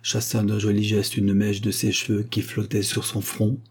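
Male narrator, steady literary reading, low pitch, husky timbre. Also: normal speed. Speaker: audiobook narrator. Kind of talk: literary reading of a short story.

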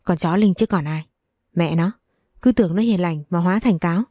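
A woman's voice: fairly low pitch, brisk, dark tone, no echo, clean studio sound, natural voice. Woman voicing a scheming young woman. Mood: bitter, scheming.

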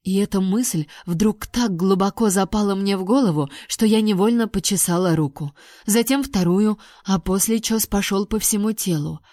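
A woman reading a first-person fantasy audiobook with lively, expressive storytelling. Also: mid-range voice, moderate pace, no echo, clean studio sound. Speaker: audiobook reader.

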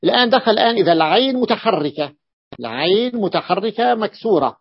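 A man teaching Arabic morphology in a classroom lecture, repeating example words slowly and checking whether his students follow. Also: high voice, expressive, slightly rough. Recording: dull dry lo-fi recording.

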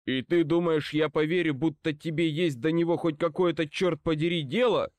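A gruff old wizard, voiced by an audiobook reader, barking harsh orders in a raised, growling voice. The sound is close and dry, with no room around it. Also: male voice, on the high side, expressive, a little slow, no echo. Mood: angry gruff. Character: stern old male wizard, furious, gruff. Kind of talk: audiobook reading.

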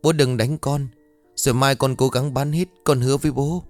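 A man's voice: mid-range voice, animated, a little slow, darkish tone, faint music behind, pitched above the performer's own voice, close to an everyday voice. A man voicing a frightened young orphan boy who stammers and pleads. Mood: pleading.

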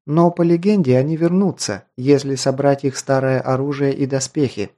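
A man reading an audiobook, voicing a proud but sheltered young noble girl in a raised, softened voice. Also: mid-range voice, fairly even intonation, normal speed, lightly acted.

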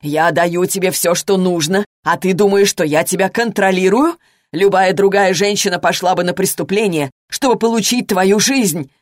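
Menacing, possessive husband in an audiobook, voiced by a woman, lowish voice, dry studio. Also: unhurried, no echo. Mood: raving. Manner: cold, then shouting and raving. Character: controlling, menacing adult husband. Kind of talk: audiobook reading.

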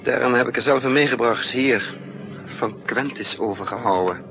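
A resourceful spy narrating his own risky mission is voiced by an actor with a medium-pitched, natural-sounding voice, some vocal fry and a moderate pace. The 1960s Dutch radio drama is muffled and noisy, and the character's hesitant, broken thinking aloud suggests urgent planning.

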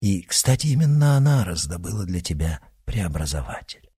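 A man's voice: low voice, very animated, normal speed, dark tone, slightly rough, exaggerated voice. A man voicing a cold, curt and mocking male henchman in an audiobook. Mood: cold, menacing.

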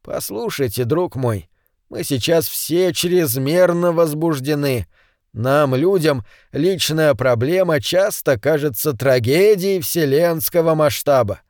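A man voicing a calm, reflective man who speaks in a measured, gently ironic way. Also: a little high, dry recording, clean studio sound.

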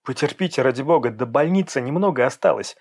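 A man's voice: medium pitch, expressive, quick pace, a little mellow, breathy edge. A man voicing a nervous young driver. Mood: anxious. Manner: anxious, apologetic. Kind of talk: audiobook character voice.

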